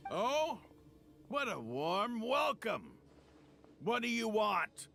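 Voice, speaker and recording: An actor playing a defiant, sneering mercenary leader in a video game, with theatrical, overacted delivery and a gravelly voice. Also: male voice, high-pitched, sing-song, very slow, pushed and bright, full character voice.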